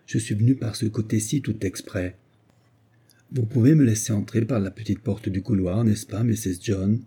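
A man voicing an agitated, tipsy, timid male doctor who pleads in a hushed, fretful way. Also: on the low side, fairly even intonation, moderate pace, breathy edge. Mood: pleading.

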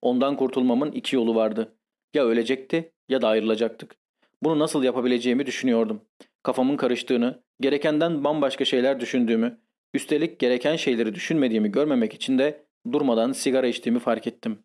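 A man reading a first-person literary confession as an audiobook, in a measured, grave and intense manner. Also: mid-range voice, a little mellow. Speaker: audiobook narrator.

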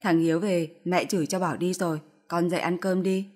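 A woman's voice: on the low side, steady tone, a little fast, a little mellow, close to an everyday voice. A woman voicing a fierce older mother-in-law who scolds harshly in a storybook reading. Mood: gentle coaxing.

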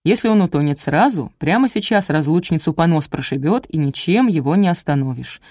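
A woman's voice: low voice, animated, a little fast, dark tone, no echo, clean studio sound. A woman voicing a sly old male village sorcerer who swindles people, with a sing-song, falsely sweet folksy patter. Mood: wheedling.

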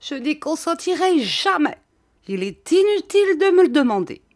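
A woman reading an audiobook, voicing a distraught, devoted middle-aged wife who declaims in a high, tearful voice. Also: big pitch swings, measured pace, a little mellow. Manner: declaiming, rising to cries.

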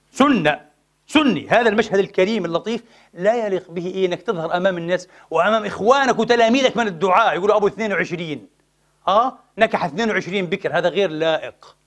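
A man's voice: high voice, animated, racing. A male preacher, giving an impassioned sermon full of rhetorical questions and emphatic peaks. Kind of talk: Friday sermon.

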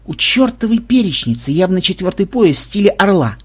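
A man's voice: high-pitched, big pitch swings, a little fast, husky, voice pushed up, heavily acted. A man reading a dry, skeptical young thief girl.

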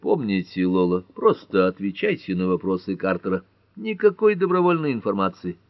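A blunt, commanding older judge, as a male narrator puts him on, with some lines lifted higher than the narrator's own voice. His speech moves up and down with energy, and the audiobook recording sounds dry and dull. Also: sing-song, normal speed, no echo. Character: gruff older male small-town judge. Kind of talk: audiobook character voice.

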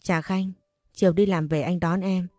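Woman reading gentle caring young man, reassuring, mellow, dry sound. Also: fairly low pitch, steady tone, normal speed, no echo, natural voice.

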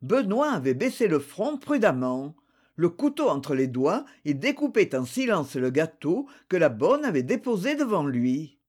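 An audiobook reader narrating a classic novel in a measured, expressive way. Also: mid-range voice.

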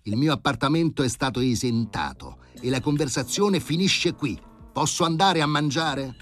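A man playing a pompous elderly professor who speaks with grave, ironic, drawn-out emphasis. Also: medium pitch, expressive, soft background music, pitched above the performer's own voice, natural voice. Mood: haughty, stern. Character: pompous elderly male professor, stern and sardonic.

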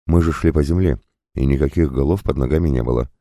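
Guy reading a naive goddess girl, earnest and simple, very low dark voice, dry sound. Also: quick pace, a little hiss or hum. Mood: plain earnest. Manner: simple, earnest, matter-of-fact. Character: naive young goddess of fate, woman.

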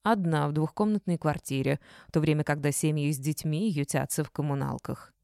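A gruff middle-aged boss who barks blunt orders and growls his reproaches, as a woman reader voices him. The voice is dark and mellow, recorded close and dry. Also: deep voice, fairly quick, dry recording. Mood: mocking.

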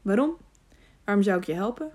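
A woman's voice: mid-range voice, animated, brisk, darkish tone, husky. Young peasant woodcutter boy played by a woman reader, wary, doubtful, a bit cheeky. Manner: surprised, doubtful, teasing. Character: cheerful peasant boy, wary then teasing.

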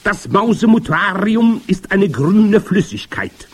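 A shrieking, triumphant old witch queen, as a man puts her on for a storybook, gloating over every word. She spits out grand proclamations very high and loud, her voice swooping wildly. There is a husky edge to the tone. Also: big pitch swings, slow pace, heavily acted. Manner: shrill, gloating, theatrical proclamations. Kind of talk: audiobook character voice.

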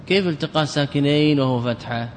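Man, sheikh giving a grammar lesson, higher-pitched voice, quizzes his listeners, long hall reverb. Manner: quizzes listeners with quick questions; repeats example words to drill them. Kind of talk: classical grammar lecture. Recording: long reverb with faint rumble.

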